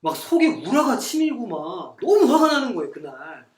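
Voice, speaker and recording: A man in his forties leading a church Bible study, telling stories in a lively way and acting out what people said. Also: high-pitched, normal speed, far from the mic. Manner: animated storytelling, acting out quoted speech. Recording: echoey room, voice from afar, faint noise.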